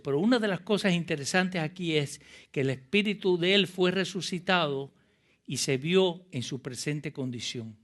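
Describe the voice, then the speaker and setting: A male pastor delivers an impassioned sermon in a fairly high, bright and forceful voice. He often puts rhetorical questions to his listeners and reads scripture aloud with rising intensity.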